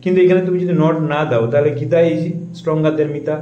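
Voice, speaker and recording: A man teaching a grammar lesson. He asks questions and answers them himself, repeats his points, and reads example sentences slowly and carefully. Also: fairly high pitch, steady tone, warm tone, muffled recording. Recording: echoey room.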